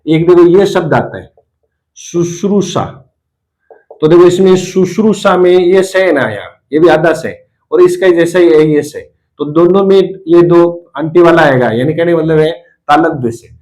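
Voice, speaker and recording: A man's voice: a little high, darkish tone. Man patiently teaching Hindi spelling. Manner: explains patiently, repeating each word slowly. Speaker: Hindi lecturer. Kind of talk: classroom lesson on correct spelling.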